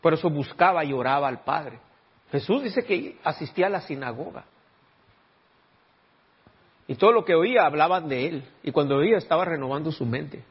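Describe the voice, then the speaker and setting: Pastor guy preaching, kinda high voice, keeps asking the crowd "how many understand", muffled recording. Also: lively intonation, moderate pace, pauses often, breathy edge. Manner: keeps asking the congregation rhetorical questions. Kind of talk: sermon.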